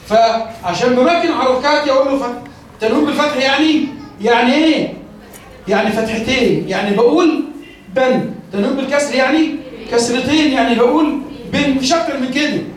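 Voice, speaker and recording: A man's voice: very high-pitched, slight background noise. A man with an Egyptian Arabic accent teaching a class on reading instruction, explaining step by step and answering his own questions. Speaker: teacher trainer. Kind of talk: lecture on teaching children to read. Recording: very echoey room, mic far off.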